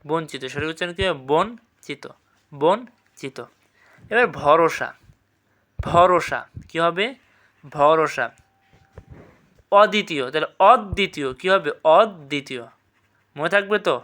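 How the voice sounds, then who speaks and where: A man leads an exam revision class, repeating each word slowly and checking understanding with quick questions. His voice is fairly high and a little bright.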